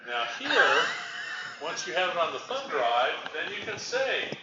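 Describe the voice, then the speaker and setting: A man's voice: a little high, very animated, unhurried. A man giving a live technical demo to a small group, explaining each step and often saying "okay". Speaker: presenter. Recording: echoey room, dull sound, faint noise.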